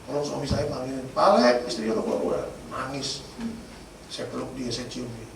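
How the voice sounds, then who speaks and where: A man's voice: mid-range voice, fairly even intonation, fairly quick, vocal fry. A man preaching a sermon as pastor, telling stories with humor and addressing the congregation directly. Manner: storytelling with humor, addresses congregation as Bapak Ibu. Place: church. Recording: echoey church hall from far off, noisy.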